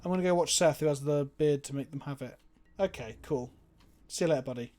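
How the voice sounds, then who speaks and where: A man's voice: a little high, fast talker, darkish tone, soft background music. A man on a livestream headset mic, chatting casually and thinking aloud as he plays a card game. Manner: chatty, thinks aloud while playing cards. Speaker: streamer. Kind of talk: casual gameplay commentary.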